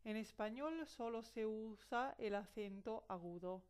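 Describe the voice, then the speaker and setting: A woman hosting a scripted grammar lesson as a teacher, reading slowly and carefully and spelling out example words. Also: fairly high pitch, darkish tone, clean tone. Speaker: Spanish teacher.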